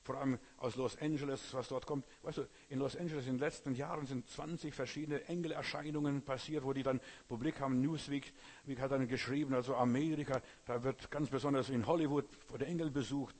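In a brisk, mid-range voice that is a little mellow and fairly even in intonation, a male preacher delivers an emphatic sermon. He addresses his listeners head-on, often tossing in "you know?" to check understanding.

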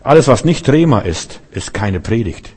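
A man's voice: mid-range voice, very animated, normal speed, a little mellow, slightly rough. A man preaching an informal sermon, talking straight to his listeners and often asking whether they follow. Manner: talks straight to the listener, keeps asking "weißt du?".

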